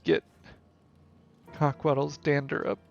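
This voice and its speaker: Slow, gravelly man teasing his chat. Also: fairly high pitch, level tone, muffled recording, soft background music. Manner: teasing, chatting with viewers. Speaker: streamer. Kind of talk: casual live-stream chat while building a park.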